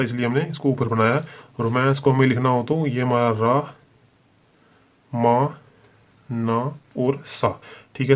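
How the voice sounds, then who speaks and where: A man teaching shorthand in a step-by-step lesson, speaking with a Hindi accent and patiently checking in with "theek hai" as he goes. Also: mid-range voice. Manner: explains patiently, repeats "ठीक है" often. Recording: slightly dull lo-fi sound.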